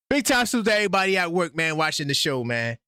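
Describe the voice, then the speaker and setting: Man hosting a sports livestream, excited, talks straight to viewers, bright forceful voice, dry close sound. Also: a little high, clean tone, dry recording. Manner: animated, breaks in with updates, talks straight to viewers. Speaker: host of a sports call-in livestream. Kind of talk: excited live sports talk.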